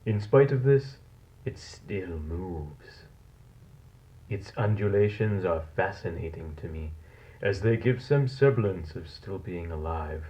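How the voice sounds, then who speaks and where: As narrator of a found-footage horror audio log, a man plays a cold, fascinated scientist recording a dated lab entry on a monstrous experiment, measured, formal and clinical. His deep, mellow voice is still animated, heard through a dull lo-fi tape recording.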